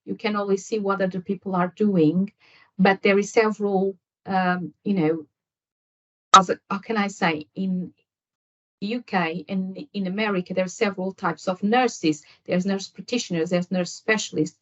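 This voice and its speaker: An Angolan nurse whose first language is Portuguese guests on a nursing podcast, answering at length with many fillers and restarts. Her mid-range voice keeps fairly even intonation at a moderate pace, in slightly dull lo-fi audio.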